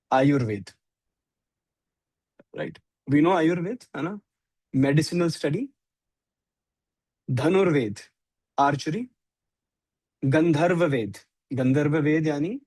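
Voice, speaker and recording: A man's voice: fairly high pitch, darkish tone, no room sound. A man with an Indian accent teaching a scripture class, mixing Hindi and English and often asking "right?".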